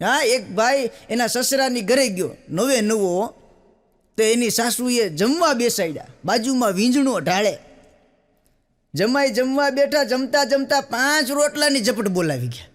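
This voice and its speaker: A man's voice: extremely high pitch, lively intonation, measured pace. A man telling jokes in a live folk comedy routine, acting out characters as the audience laughs. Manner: chatty storyteller, acts out characters, crowd laughing along.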